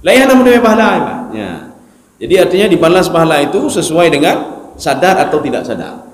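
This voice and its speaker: A male preacher giving a study sermon in a mosque, animated and joking, acting out mumbled recitation. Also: on the high side, quick pace. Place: mosque hall. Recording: echoey mosque hall.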